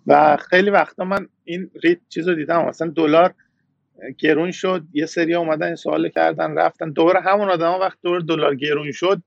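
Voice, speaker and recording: Man from Iran, interview guest, reflective and hesitant, slightly high husky voice on a dull, dry lo-fi recording. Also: fairly even intonation, dry recording. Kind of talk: casual interview chat.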